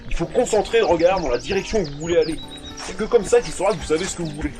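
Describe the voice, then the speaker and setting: High-pitched male adventurer, acted by a man, bossy, excitable, slangy, fantasy audio saga, music underneath. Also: very fast, lightly acted. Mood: bossy, impatient. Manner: slangy, emphatic.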